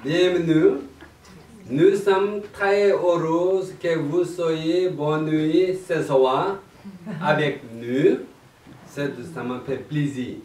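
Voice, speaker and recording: A man with a Tibetan accent introducing a chant evening to an audience in halting, laughing French. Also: fairly high pitch. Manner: broken French, slow, laughing often. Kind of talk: halting explanatory talk to an audience. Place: meditation centre hall, indoors. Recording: roomy distant hall mic with faint noise.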